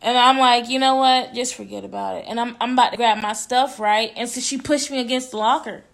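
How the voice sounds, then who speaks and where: A young woman tells a story on her vlog, casual and full of slang. She acts out the back-and-forth dialogue. Her voice sits a little high and sounds bright and sharp. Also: fairly even intonation, fairly quick, gravelly. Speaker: vlogger.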